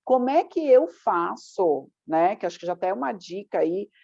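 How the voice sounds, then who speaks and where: Brief: woman life coach, warm mellow tone, dry lo-fi recording, lively chat. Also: medium pitch, moderate pace, creaky, slightly rough, no room sound. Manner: chatty, acts out her inner voice. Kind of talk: casual motivational talk. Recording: dull dry lo-fi sound.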